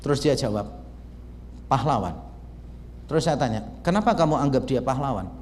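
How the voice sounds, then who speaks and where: A man's voice: medium pitch, expressive, normal speed, a little mellow, a little hiss or hum. A male pastor, preaching a sermon in a casual storytelling way and acting out conversations. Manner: conversational storytelling, acts out dialogue. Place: church. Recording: church hall reverb.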